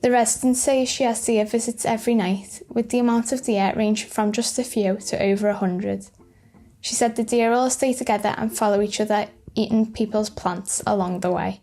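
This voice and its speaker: A woman's voice: on the high side, steady tone, normal speed, warm tone. A woman reading scripted narration for light news video clips. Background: music.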